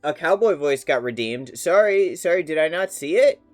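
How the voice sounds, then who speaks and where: A man's voice: on the high side, lively intonation, normal speed, soft background music. A man chatting casually on a live stream, playful and rambling, with many fillers.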